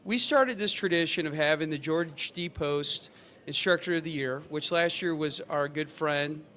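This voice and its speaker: Man hosting a podcast, slightly high. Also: pushed and bright. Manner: halting, many fillers and restarts. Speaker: podcast host. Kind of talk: casual podcast chat.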